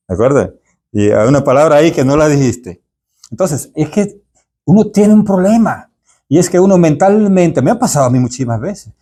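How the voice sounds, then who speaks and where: A middle-aged man with a Caribbean Spanish accent, teaching a workshop for church readers in a chatty way, often asking the group if they agree. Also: dark tone. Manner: chatty, asks the audience "¿de acuerdo?"; acts out examples with sudden pitch jumps. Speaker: deacon teaching a workshop for lectors. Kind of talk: informal teaching talk.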